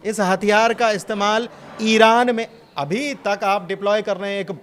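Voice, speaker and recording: A man with a high voice gives his take as an analyst on a studio news panel. He talks in an animated, sarcastic way and keeps throwing out rhetorical questions. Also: normal speed.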